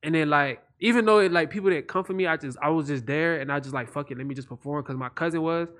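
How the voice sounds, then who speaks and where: A man's voice: on the high side, quick pace, fairly bright tone. A man of twenty telling stories in a laid-back, slangy casual chat. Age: 20s.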